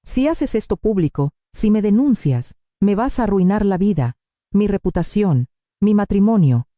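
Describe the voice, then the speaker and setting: A woman's voice: mid-range voice, lively intonation, normal speed, mellow, dry recording, clean studio sound, lightly acted. A woman voicing a manipulative adult son in a spoken story, her own voice barely changed. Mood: cold, manipulative. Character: manipulative grown son, a man cornered.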